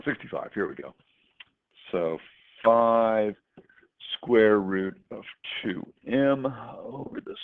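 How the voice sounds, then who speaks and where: A man's voice: lowish voice, creaky. A man teaching math, working through problems step by step with casual asides. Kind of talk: worked-example math lesson. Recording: tinny lo-fi recording with faint noise.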